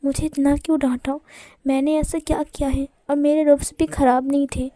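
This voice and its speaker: A mischievous young man from a storybook sulks and throws accusations in a pouty way, acted by a woman. The voice is high and soft-edged, recorded dry and close. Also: flat delivery, moderate pace, dry recording, lightly acted. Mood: sulky. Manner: pouting, accusing, petulant. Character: sulky mischievous young man, hot-tempered.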